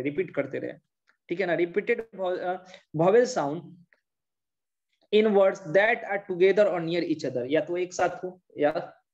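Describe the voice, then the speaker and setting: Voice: medium pitch, darkish tone. Teacher, online class, keeps repeating stuff, mixes hindi and english, kinda dull muffled audio.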